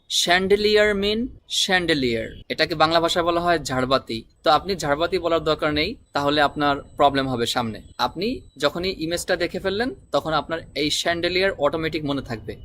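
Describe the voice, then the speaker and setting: Male teacher, slightly high voice, patient spelling-out delivery, faint hiss behind. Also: fairly bright tone. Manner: repeats each word slowly and spells it letter by letter. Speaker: English teacher. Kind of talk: vocabulary lesson.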